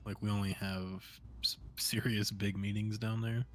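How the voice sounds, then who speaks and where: Chill guy w a lowish voice, slow and honest, faint hiss behind. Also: level tone, fairly bright tone. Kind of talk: casual role-play chat.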